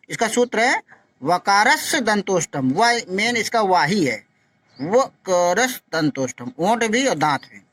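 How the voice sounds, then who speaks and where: A male teacher with a high-pitched, sharp-toned voice gives a phonetics lesson. He demonstrates each sound slowly, repeats syllables, and urges his students to practise.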